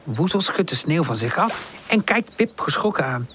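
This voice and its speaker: A woman narrating a children's storybook in a calm, gentle reading voice. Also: sits low, normal speed, a little hiss or hum. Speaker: audiobook narrator.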